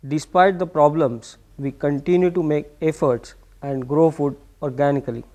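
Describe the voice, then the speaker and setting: A man's voice: a little high, steady tone, normal speed, darkish tone. A man, a farmer, speaking plainly and steadily in an interview. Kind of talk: interview answer.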